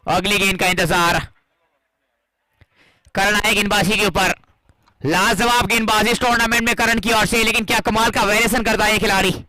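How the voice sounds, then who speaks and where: An Indian man calls a cricket match as an excited live commentator. His voice is high and strikingly forceful, with a dry, close sound. He is dramatic and emphatic. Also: moderate pace, pauses often, no echo, poor audio. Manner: dramatic, emphatic, rising into exclamation at key moments.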